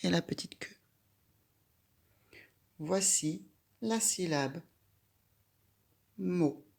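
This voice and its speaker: A woman guides a young child through a handwriting lesson one stroke at a time. She speaks at an extremely unhurried pace, leaving plenty of room between simple instructions. Her voice has a noticeable gravelly fry. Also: sits low, darkish tone. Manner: patient, addresses the child directly with simple instructions. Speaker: handwriting teacher.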